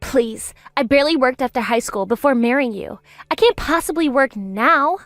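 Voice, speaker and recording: A woman's voice: high voice, animated, moderate pace, a bit bright, dry recording, studio quality, faint music behind. A woman voicing a selfish, spiteful wife in her fifties who turns defensive and self-pitying in a story drama. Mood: pleading.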